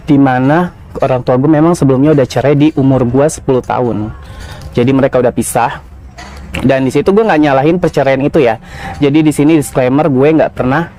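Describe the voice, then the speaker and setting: Man, 30s, podcast guest, warm mellow tone, casual confessional storytelling. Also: medium pitch. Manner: casual slangy confessional, many fillers. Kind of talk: personal storytelling.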